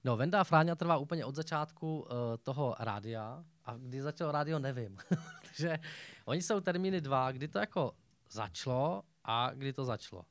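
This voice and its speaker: A man's voice: mid-range voice, expressive, no echo. A young man chatting as a talk show guest, rambling along with many fillers and restarts. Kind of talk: casual chat.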